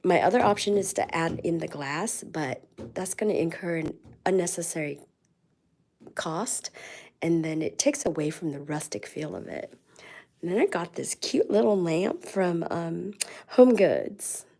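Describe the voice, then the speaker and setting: A woman chatting casually on a live stream while decorating her office, a bit hoarse from a cold and rambling with lots of ums. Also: lowish voice, a little slow, warm tone. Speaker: vlogger.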